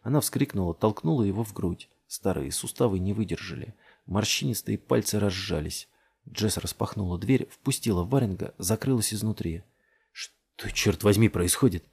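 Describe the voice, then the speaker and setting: Low, husky male audiobook narrator. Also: expressive, moderate pace, a little mellow. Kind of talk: scripted narration.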